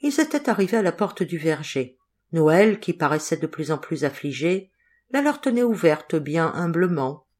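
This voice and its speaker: A woman narrating a novel as an audiobook, measured and expressive in her reading. Her voice sits somewhat low for a woman. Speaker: audiobook reader. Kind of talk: scripted narration.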